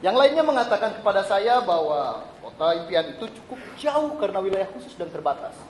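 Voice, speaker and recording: Male actor as a fussy middle-aged visitor in a stage play; high, swooping voice, roomy live recording from a small theatre. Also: very animated, fairly quick, darkish tone, slight background noise. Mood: deferential. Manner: deferential, addresses the other as sir, hesitant restarts.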